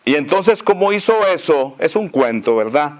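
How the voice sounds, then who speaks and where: A pastor with a northern Mexican accent telling a story in a sermon, folksy and chuckling, with many fillers. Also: male voice, fairly high pitch, sing-song, normal speed.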